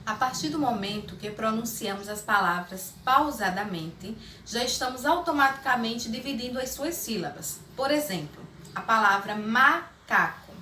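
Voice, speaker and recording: A woman teacher with a Brazilian accent giving a lesson, speaking slowly and spelling words out syllable by syllable. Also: fairly high pitch, animated, bright, forceful tone, slight background noise. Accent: Brazilian Portuguese. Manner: slow, deliberate, spelling out syllables. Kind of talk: recorded classroom lesson.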